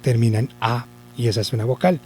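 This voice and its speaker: A male teacher giving a spelling lesson to children, deliberate, repeating the rules and asking himself questions. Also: medium pitch, fairly even intonation, darkish tone, a little hiss or hum.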